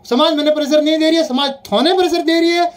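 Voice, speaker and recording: Arguing hotly over the phone, a Rajasthani-accented speaker insists and repeats points frequently. The voice is high with fairly even intonation and a quick pace.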